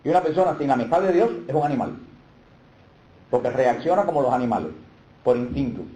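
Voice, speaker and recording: A man's voice: mid-range voice, expressive, quick pace, dark tone, lo-fi sound. Emphatic man teaching catechism. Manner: emphatic, asks rhetorical questions. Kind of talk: catechesis lecture. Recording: echoey room.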